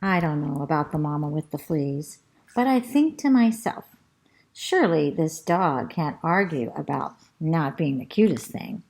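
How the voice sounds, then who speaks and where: A woman's voice: low-pitched, lively intonation, darkish tone, voice pushed down. Woman reading as a chatty classroom parrot. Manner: slow, sing-song rhyming delivery. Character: chatty, fussy pet parrot narrating as a female classroom pet. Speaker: storybook reader. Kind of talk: reading a children's storybook aloud.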